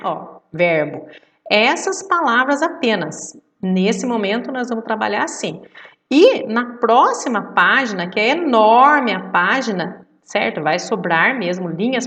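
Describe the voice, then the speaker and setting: A woman's voice: mid-range voice, a bit bright, far from the mic. A woman teacher giving a remote lesson to children, patient and explanatory, checking often that the class follows. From Brazil.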